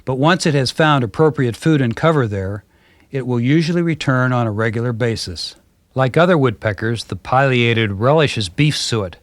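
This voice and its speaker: A man giving calm, measured scripted narration for a backyard birding video, heard from a worn VHS tape copy. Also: mid-range voice, no echo. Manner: calm, measured, gently descriptive. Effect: worn VHS tape copy with faint hiss.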